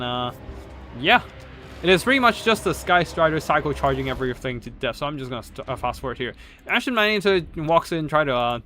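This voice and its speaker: A game caster with a fairly bright, higher-pitched voice casually commentates strategy game tournament replays, rambling with lots of fillers and restarts and swearing now and then. Slight background noise is audible.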